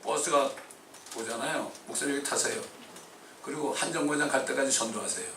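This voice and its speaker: A male pastor preaching a sermon in a fervent style, breaking into sudden shouts. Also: mid-range voice, fairly quick, a little hiss or hum. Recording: echoey church hall, distant mic.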